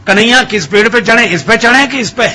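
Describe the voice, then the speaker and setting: A man voicing a simple, guileless old devotee who blurts things out loudly in a comic sermon story. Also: on the high side, normal speed, gravelly, a little hiss or hum. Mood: naive. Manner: naive, loud-spoken.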